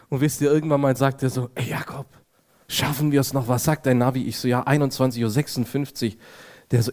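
Male preacher, mid-range voice, tells a lively story and plays both sides of the dialogue. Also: medium pitch. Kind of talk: testimony storytelling to a congregation.

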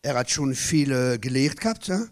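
A middle-aged man preaching a sermon as a pastor, hammering home repeated phrases and swinging between loud bursts and low, hushed asides. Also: expressive, normal speed. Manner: repeats key phrases for emphasis.

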